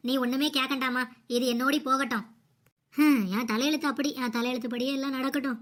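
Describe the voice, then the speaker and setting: A woman's voice: high-pitched, fairly even intonation, fast talker. A woman doing a meek cartoon daughter-in-law. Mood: sad. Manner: soft, apologetic, pleading. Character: meek young daughter-in-law, patient and submissive.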